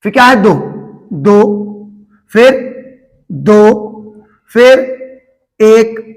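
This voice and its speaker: A man with a very high voice gives a patient classroom-style lesson. He repeats each step slowly and talks fondly to his students as children. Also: expressive, low-quality recording. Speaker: teacher.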